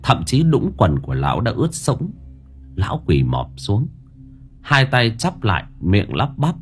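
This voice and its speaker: A man's voice: fairly low pitch, huge pitch swings, a little slow, soft background music. A man narrating an audiobook story in a dramatic storytelling manner.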